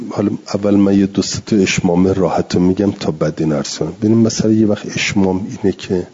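A man with a deep, husky, dark voice teaches Quran recitation in a classroom lecture. He explains slowly, drawing out Arabic words to show their pronunciation, and the recording is dull and lo-fi.

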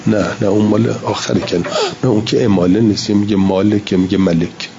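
A man's voice: fairly low pitch, steady tone, vocal fry, dark tone, lo-fi sound, slight background noise. A man lecturing a class on Quran recitation, reading Arabic lines and explaining them in casual Persian, sounding out examples and repeating himself.

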